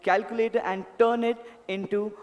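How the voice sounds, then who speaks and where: A man's voice: high voice, level tone, normal speed, dull audio. A man performing as a stage mentalist, talking to volunteers in a polite showman's patter. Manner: showman, polite, addresses volunteers with repeated pleas. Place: indoor event hall, on stage. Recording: echoey hall PA, music behind.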